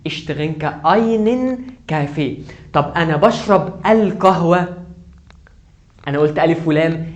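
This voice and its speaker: Fast-talking Egyptian man teaching German. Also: a little high, darkish tone. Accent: Egyptian Arabic. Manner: urgent, repeatedly asks the viewer to focus. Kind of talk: online language lesson.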